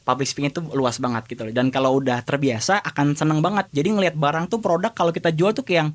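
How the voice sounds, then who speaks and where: A man's voice: a little high, steady tone, fast talker, dry recording. A man talking as a public speaking trainer and podcast guest, casually explaining his points with everyday examples and acted snippets of dialogue.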